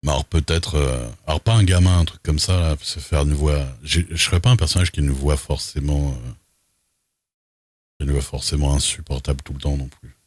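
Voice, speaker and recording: A man's voice: fairly even intonation, brisk, dry recording. A man streaming a role-play game, chatting casually and reading server rules aloud with loose asides, in a voice he calls unusual. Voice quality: unusual, very deep voice. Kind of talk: casual livestream chat while role-playing.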